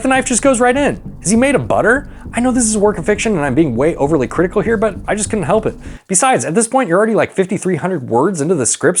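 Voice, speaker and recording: A man's voice: high-pitched, slight background noise. A man hosting a movie recap, delivering irreverent, sweary scripted comic narration with a sarcastic manner. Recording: music behind the voice. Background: background music.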